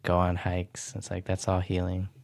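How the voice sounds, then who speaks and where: A man's voice: low-pitched, monotone, moderate pace, vocal fry, a little mellow. A man hosting a podcast interview, chatting casually and searching for his words with many fillers. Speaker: podcast host.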